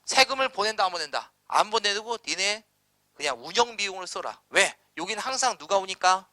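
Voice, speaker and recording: Male lecturer, slightly high and very bright, dry close-miked sound; blunt, slangy, quizzing style. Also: animated, dry recording. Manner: quizzing students with rapid rhetorical questions, blunt slangy asides. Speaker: history lecturer. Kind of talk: exam-prep lecture.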